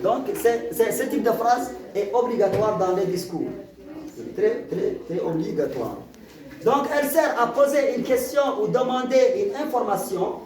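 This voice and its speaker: A man's voice: high-pitched, lively intonation, measured pace, a crowd in the background. A teacher explains grammar to a class, repeating and restarting his words often as he gives examples. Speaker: French teacher. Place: school classroom. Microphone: far from the mic. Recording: echoey classroom, far mic, student noise.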